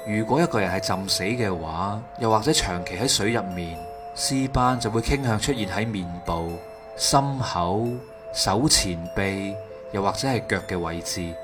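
A man's voice: on the low side, normal speed. A man with a Hong Kong Cantonese accent reads scripted true crime narration in a factual, methodical manner. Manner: factual, methodical recounting of case details. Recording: music behind the voice. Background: background music.

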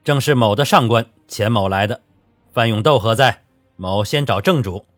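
A man's voice: on the low side, moderate pace, dry recording, soft background music, natural voice. A man playing a cocky guard officer. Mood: amused. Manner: amused, commanding.

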